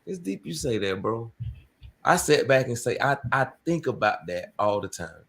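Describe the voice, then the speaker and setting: A man's voice: mid-range voice, very animated, moderate pace, gravelly, a bit bright. A man in casual, reflective chat with friends, laid-back, slangy and a little hesitant as he thinks aloud.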